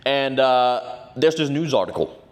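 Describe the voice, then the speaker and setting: This vlogger, a man in his 20s from Norway whose first language is Norwegian, narrates a casual story to camera without hurrying. His mid-range voice has lively intonation, and his boastful, brash, profane telling is peppered with a tacked-on "right?"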